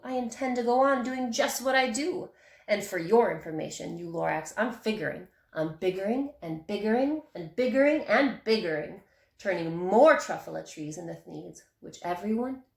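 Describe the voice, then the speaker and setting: A woman voicing a greedy male factory owner who loudly defends himself in a storybook reading. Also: medium pitch, animated, moderate pace, gravelly. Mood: defiant. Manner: loud, defiant. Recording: echoey room.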